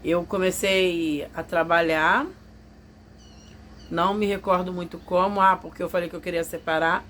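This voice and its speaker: A fairly low, fairly bright female voice with fairly even intonation tells viewers a personal testimony at normal speed. The vlogger is confiding and emotional, acting out what others said, over a little hiss or hum.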